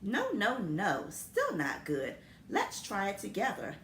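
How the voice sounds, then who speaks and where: A woman voicing an eager young boy who insists his new friend shout louder. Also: mid-range voice, wildly swooping pitch, slow, slight background noise, exaggerated voice. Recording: echoey room.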